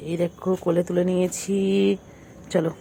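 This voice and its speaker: A woman's voice: lowish voice, flat delivery, normal speed, dark tone, a little hiss or hum. A woman, cooing at her pet cat in baby talk and scolding it playfully, repeating words again and again. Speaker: pet vlogger.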